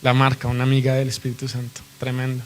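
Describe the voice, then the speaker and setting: Male preacher, steady and level delivery, earnest and reverent, keeps checking in with the room. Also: mid-range voice, quick pace, a little hiss or hum. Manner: earnest, reverent teaching with rhetorical questions to the congregation. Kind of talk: sermon.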